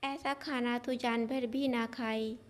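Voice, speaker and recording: A woman voicing a harsh, scolding mother-in-law in a storybook family tale, shouting and scornful. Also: on the high side, steady tone, slow.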